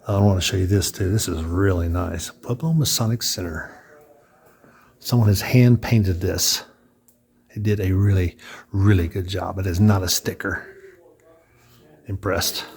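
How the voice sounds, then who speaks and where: A man's voice: low voice, fairly even intonation, unhurried, creaky, long pauses, darkish tone, slightly rough. A man casually narrating a walking tour of a building, chatty and thinking aloud with restarts, a bit out of breath. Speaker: vlogger touring a building. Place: indoor hallways and large rooms.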